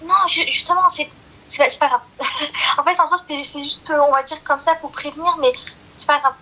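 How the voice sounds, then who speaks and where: A woman with a small, soft voice calling into a live chat, hesitant, stammering and apologetic. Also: high-pitched, fairly even intonation, a little fast, poor audio. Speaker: caller. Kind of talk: casual call-in chat.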